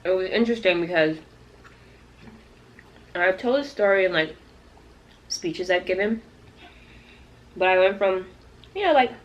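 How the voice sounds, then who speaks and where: A Toronto-based YouTube vlogger talks casually to her audience in a storytime-style video, recorded with lo-fi sound. Her mid-range voice is animated but a little slow, broken up by long pauses.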